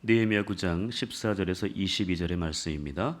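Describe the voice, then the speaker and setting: A male pastor with a low-pitched, brisk voice leads a scripture reading, then preaches. Starting calm, he builds to emphatic exhortation with jokes, questions to the congregation and rising emphasis.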